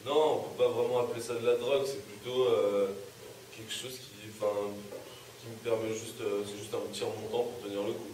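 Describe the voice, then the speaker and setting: A young man in a student sketch, playing a relaxed classmate who talks casually with some hesitation. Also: lowish voice, brisk, natural voice. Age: young adult. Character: laid-back male student classmate. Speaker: student actor. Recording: echoey room, distant mic, some noise.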